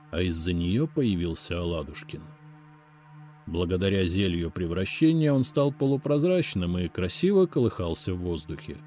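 Мужчина-чтец с мягким низким голосом. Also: male voice, deep voice, dark tone. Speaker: audiobook narrator. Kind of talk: first-person scripted story narration.

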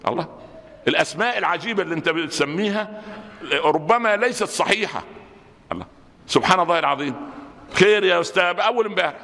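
A man with an Egyptian accent giving a Friday sermon, colloquial and animated, sometimes breaking into sudden shouts. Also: sits high, quick pace, vocal fry, long pauses. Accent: Egyptian Arabic. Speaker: preacher. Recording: long hall reverb.

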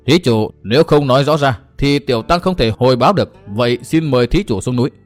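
A man's voice: mid-range voice, expressive, quick pace, faint music behind, close to an everyday voice. A man voicing a stern old monk who guards a temple gate, formal and grave.

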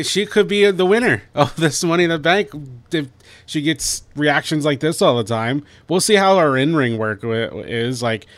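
A man's voice: medium pitch, fairly bright tone, no echo. Easygoing, hesitant man, dry sound. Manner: hesitant, easygoing, filler-heavy. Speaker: podcast co-host. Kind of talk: casual wrestling podcast chat.

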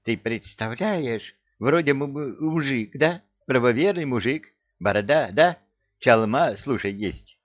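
A man voicing a loud, hysterical male parrot who squawks, gossips and brandishes threats. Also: medium pitch, lively intonation, unhurried, dry recording, muffled recording, voice pushed up. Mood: gossiping.

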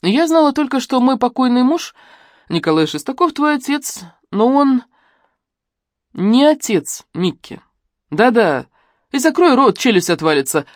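A woman's voice: medium pitch, lively intonation, quick pace, no echo, studio quality, pitched above the performer's own voice, natural voice. A woman reading an audiobook and voicing a cold, mocking middle-aged widow who speaks curtly. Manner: cool, curt, mocking. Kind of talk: audiobook dialogue.

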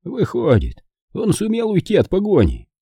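A man's voice: high-pitched, huge pitch swings, mellow, slightly rough, dry recording, clean studio sound, voice pushed up, full character voice. A man voicing a dying older frontiersman uncle who speaks weakly and grimly, coughing between words. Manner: weak, halting, grim.

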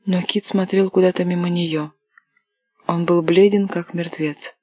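A steady audiobook narration with a mellow, husky voice. It is recorded close and dry, with no room sound. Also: medium pitch, unhurried, no echo. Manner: steady storytelling. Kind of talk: scripted narration.

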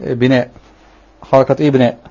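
A man's voice: medium pitch, flat delivery, very fast, dark tone. A man with an Egyptian Arabic accent teaching classical grammar. He reads passages from a text, explains them, and keeps checking with his listeners through short questions. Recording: dull lo-fi recording.

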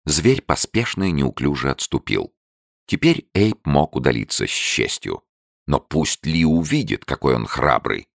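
A very deep-voiced man reads a novel aloud in an expressive storytelling manner. His gravelly voice swoops widely in pitch. The recording is dry and close. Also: a little slow, dry recording. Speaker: audiobook reader. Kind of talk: scripted literary narration.

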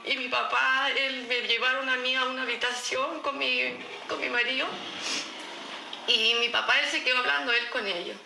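A woman's voice: sits high, steady tone, moderate pace, creaky, roomy sound, background noise. A middle-aged woman with a Chilean accent gives an earnest, emphatic personal testimony in an interview, repeating herself as she recounts events. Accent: Chilean Spanish. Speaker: interviewee, mother of an accused teen.

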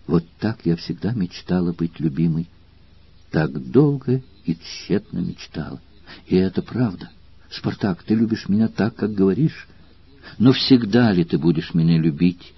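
A man with a husky voice reading the lines of a passionate noble Roman woman in an audiobook, soft and anxious, often near a whisper. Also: low-pitched, lively intonation, measured pace, dry recording, lo-fi sound, full character voice. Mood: joyful.

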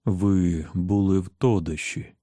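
A man voicing a grim older gunslinger in an audiobook, who speaks slowly and gravely. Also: low-pitched, steady tone, dark tone, no room sound, studio quality. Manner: slow, measured, grave. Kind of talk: audiobook character voice.

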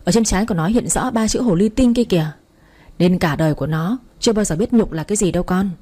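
A woman voicing a sharp-tongued older mother-in-law in a story reading, quick and mocking. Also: medium pitch, lightly acted. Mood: scornful.

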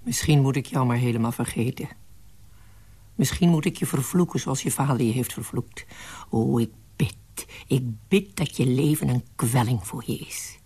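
A woman's voice: very deep voice, moderate pace, warm tone, slightly rough, heavily acted. An actress playing a possessive, bitter mother in a radio drama, speaking in an intimate, often whispered way.

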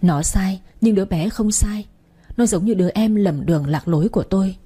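A woman's voice: medium pitch, moderate pace, mellow, breathy edge. A woman narrating a first-person dramatic story with emotional delivery.

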